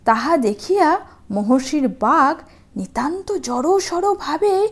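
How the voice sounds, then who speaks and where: High, sing-song woman reading children's stories. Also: expressive, slow. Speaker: storyteller hosting a children's channel. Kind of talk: expressive storybook reading for children.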